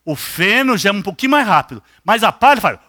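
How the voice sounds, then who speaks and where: A man's voice: high voice, brisk, dry recording, clean studio sound. An older man with a Brazilian accent preaching a sermon, putting questions straight to his congregation. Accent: Brazilian Portuguese. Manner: animated, questions the congregation directly.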